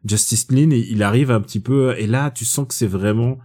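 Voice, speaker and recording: A man talking films in a relaxed podcast chat. His voice sits at a middle pitch as he gives firm opinions and drops playful jabs at his co-host. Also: normal speed. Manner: opinionated, chatty, gently teasing. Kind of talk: casual film review chat.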